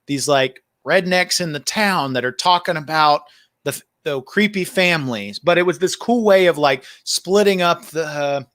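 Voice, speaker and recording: A filmmaker hosts a livestream, chatting casually and rambling with many fillers and restarts. His voice is fairly high and a bit bright, at a normal speed. The recording is dry, with clean studio sound.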